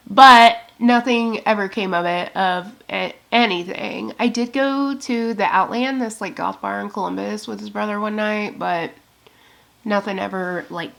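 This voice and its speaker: A woman's voice: mid-range voice, measured pace, creaky, a bit bright. A woman in her thirties rambling casually to her camera, telling a long personal story with lots of swearing and quoted asides. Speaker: beauty vlogger. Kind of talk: rambling get-ready-with-me chat.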